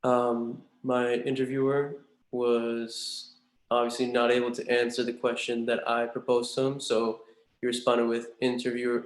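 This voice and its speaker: A man in his twenties giving polite, earnest, somewhat hesitant interview-style talk, with the big echo of a large room in a house. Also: mid-range voice. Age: 20s. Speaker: student in a practice job interview. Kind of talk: earnest, formal interview answers.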